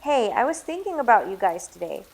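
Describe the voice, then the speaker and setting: A woman reading a story aloud, voicing a cheerful young woman who talks quickly and eagerly. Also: mid-range voice, animated, gravelly, low-quality recording.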